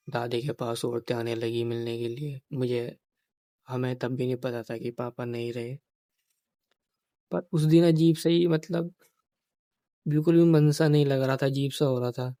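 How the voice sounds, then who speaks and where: A man's voice: medium pitch, warm tone, dry recording. A young man, a vlogger, talking about a painful personal memory and often repeating his phrases as he tells it. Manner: grieving, repeats phrases, quotes others in dialogue. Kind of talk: personal storytelling vlog.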